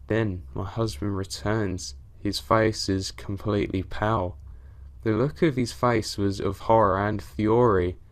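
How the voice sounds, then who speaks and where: A man reading out scripted horror stories in a steady, even storytelling delivery. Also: fairly low pitch. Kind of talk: scripted narration of reader stories.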